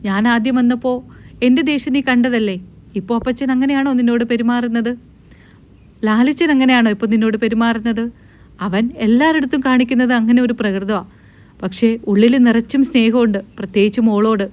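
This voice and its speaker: A woman voicing a kindly old grandfather, slow and soothing as he reassures a grieving girl. The voice stays gentle and warm-hearted even though it sits a little high. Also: natural voice.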